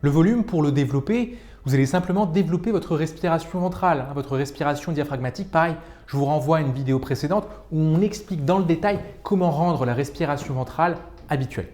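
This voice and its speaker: A middle-aged man teaching public speaking in a video lesson, demonstrating exercises with expressive shifts in pace and volume. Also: on the high side, fast.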